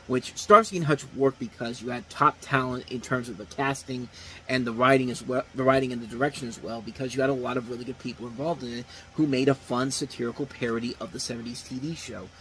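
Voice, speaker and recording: A movie reviewer in his thirties rambles through loose, unscripted film talk at a fairly quick clip, often restarting and repeating phrases. His voice sits at a medium pitch, and the rough recording carries a faint hiss.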